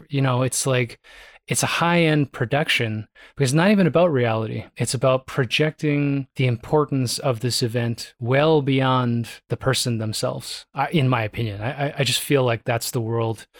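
A man co-hosting a casual podcast, thinking out loud. His talk rambles through restarts and offhand curses. The sound is dry and close with no room around it. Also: medium pitch, dry recording. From Canada. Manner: reflective, rambling, swears casually. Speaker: podcast co-host. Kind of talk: casual conversation.

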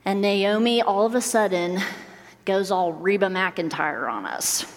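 A woman's voice: mid-range voice, a little slow. A young woman preaching a casual, joking sermon as a church youth minister. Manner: playful, joking asides. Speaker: minister of students and young adults. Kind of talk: conversational sermon. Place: large church sanctuary. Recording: long hall reverb.

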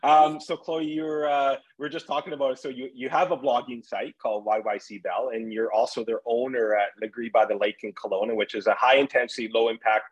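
A man hosting a business interview show, friendly and quick, often restarting his questions. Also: medium pitch, steady tone, husky, highs cut off. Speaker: podcast host. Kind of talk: casual interview.

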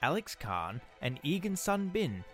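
A man's voice: on the high side, very animated, unhurried, a bit bright. A man hosting a podcast, reading a scripted introduction and narration. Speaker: podcast host. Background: music.

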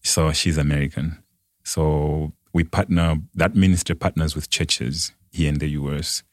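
A young Malawian-accented man with an exceptionally deep voice tells his life story conversationally as a podcast guest. He speaks a little slowly with fairly even intonation. The recording is dry, with no room sound.

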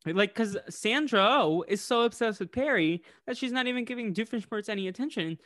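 An American man with a voice that sits high talks a little fast while co-hosting a podcast. He recaps an episode in casual chat, animatedly performing the characters' lines. Clean studio sound, no echo.

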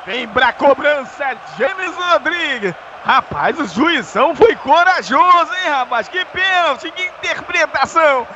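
Brazilian guy doing soccer play-by-play, excited, really high pitched, bit of noise behind him. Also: unhurried, dull audio. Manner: excited, forceful calling. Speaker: football play-by-play commentator. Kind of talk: radio football commentary.

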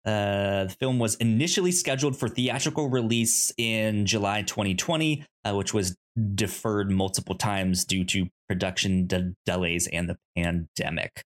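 A podcast co-host chats casually while pitching movies, speaking haltingly with frequent stammers and repeated syllables.

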